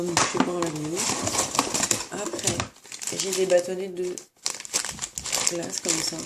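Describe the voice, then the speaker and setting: A woman's voice: on the low side, noisy background. Sniffling woman showing craft supplies. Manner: hesitant, many fillers and self-corrections. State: sick, sniffling. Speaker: crafts vlogger. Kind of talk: casual show-and-tell of craft supplies. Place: room at home. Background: crinkling plastic bags.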